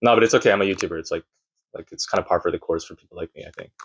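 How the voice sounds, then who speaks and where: A man's voice: low-pitched, very fast, fairly bright tone, husky. Nervous rambling man vlogging. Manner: nervous, rambling and self-deprecating. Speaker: YouTuber and streamer. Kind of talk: casual vlog monologue. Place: sparsely furnished room at home.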